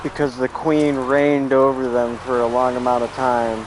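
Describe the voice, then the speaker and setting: A man's voice: mid-range voice, little pitch movement, normal speed, background noise. A man playing a driving game with a friend, chatting casually and telling puns. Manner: punning, dry joking. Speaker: co-player. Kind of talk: casual chat while gaming.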